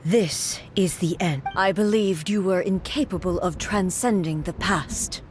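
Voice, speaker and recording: A woman's voice: fairly low pitch, a little slow, natural voice. A woman playing a proud, solemn immortal warrior guardian in a video game, speaking in a stately, formal manner. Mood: solemn, reflective. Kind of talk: dramatic video game voice acting. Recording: music under the voice. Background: game music.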